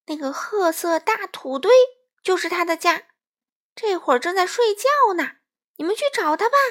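A woman's voice: extremely high pitch, expressive, normal speed, a bit bright, voice pushed up. A woman voicing a clever red hen sending the thieves off, in a children's storybook. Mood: coaxing.

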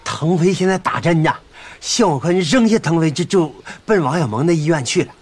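A man's voice: fairly high pitch, expressive, a little fast, slightly rough. An actor playing an agitated, indignant village man with a Northeastern Mandarin accent who stammers as he protests. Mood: alarmed.

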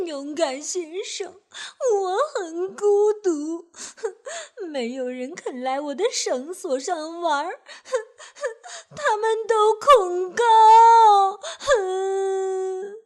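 A woman's voice: very high voice, a little mellow, pitched above the performer's own voice. A woman voicing a lonely young woman on a tightrope who sobs and whimpers between her words in a children's storybook reading.

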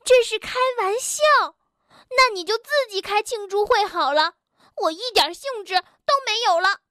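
Woman doing a squeaky, skittish bunny boy. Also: animated, slow, a bit bright, dry recording, clean studio sound, exaggerated voice. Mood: indignant. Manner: squealing, flustered and whiny. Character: timid excitable big male rabbit.

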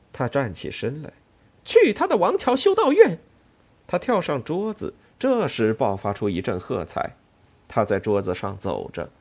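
Male audiobook narrator, very lively intonation, husky, expressive. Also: lowish voice. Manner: expressive, animated storytelling. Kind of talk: scripted novel narration.

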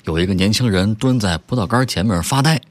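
A man's voice: lowish voice, fast, dry recording. A male host telling short jokes, laughing along and acting out each character. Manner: lively storyteller who laughs at his own jokes and acts out characters. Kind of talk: joke-telling comedy segment.

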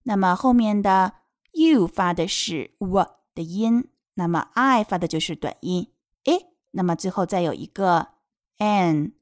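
A woman's voice: medium pitch, expressive, unhurried, no room sound, studio quality. A woman teaching a children's picture book, reading each line aloud and patiently explaining pronunciation step by step. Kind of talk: bilingual read-aloud lesson.

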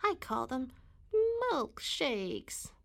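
Woman doing a squeaky high cow entertainer for a kids story, super showy and boastful. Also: sing-song, drawn-out words, vocal fry, a bit bright, full character voice. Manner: theatrical, hammy announcing.

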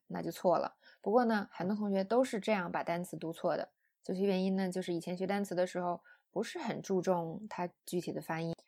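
A woman's voice: medium pitch, darkish tone. A woman teaching English pronunciation in an audio lesson, explaining patiently.

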